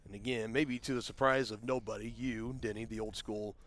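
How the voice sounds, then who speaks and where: A man doing play-by-play commentary for a high school baseball game, conversational and explaining rules at length. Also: fairly even intonation, brisk, a bit bright. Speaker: play-by-play announcer. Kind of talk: sports commentary.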